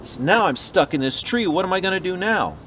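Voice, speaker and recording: Fast, excited male coyote trickster for a campfire tale, a man voicing him; pitch up. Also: slight background noise. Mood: worried. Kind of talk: storytelling on a nature walk.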